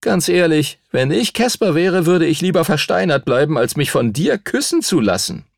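A man's voice: a little high, big pitch swings, normal speed, vocal fry, no echo, clean studio sound, pitched above the performer's own voice, exaggerated voice. A male audiobook narrator voicing a cheeky, lazy boy who teases his friends. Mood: teasing. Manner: mocking and cocky. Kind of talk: audiobook character voice.

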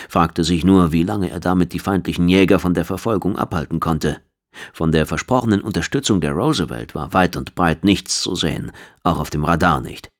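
Deep-voiced man reading a story. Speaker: audiobook narrator. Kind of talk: scripted narration.

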